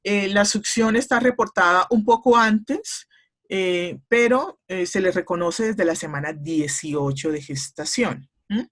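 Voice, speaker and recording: A middle-aged woman speaks as an interview guest, laying out clinical points in a measured, teacherly manner. She pauses often with small hesitation fillers as she works through her explanation. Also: mid-range voice. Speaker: speech therapist guest.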